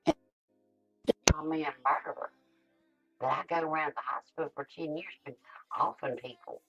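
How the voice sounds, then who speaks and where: A woman's voice: sits low, moderate pace, pushed and bright, husky, faint music behind. A woman in casual live-stream chat, blunt and profane, her voice muffled and hollow as if she were talking through a tube over remote call audio.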